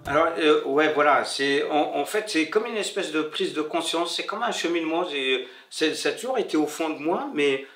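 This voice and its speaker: Faint music plays behind a middle-aged Moroccan-born bookseller as he reflects on his life in an interview, halting and searching for words through many pauses and repetitions, since French is a language he only learned after arriving in France. His tone is on the high side, expressive and fairly bright. He is seated indoors by a bare wall, and a slightly distant mic gives the sound a roomy echo.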